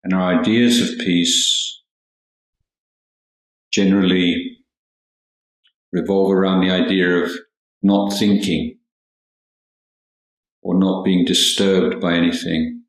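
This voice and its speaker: The hall's echo surrounds a deep male voice giving a guided meditation talk indoors at a monastery, in the role of a Buddhist teacher. Each short phrase is measured and calm, separated by long silences, and the overall pace is extremely slow.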